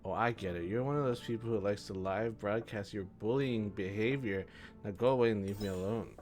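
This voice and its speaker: A man's voice: lowish voice, brisk, a little mellow, soft background music, close to an everyday voice. A man reading a rude, suspicious young guy. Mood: hostile. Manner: accusing, defensive.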